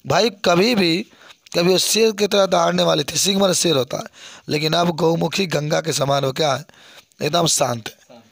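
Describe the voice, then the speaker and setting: Raspy-voiced man explaining a Hindi poem. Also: a little high, normal speed, fairly bright tone, dry recording. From India. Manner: explains line by line, repeats phrases, asks students questions. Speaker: Hindi literature teacher.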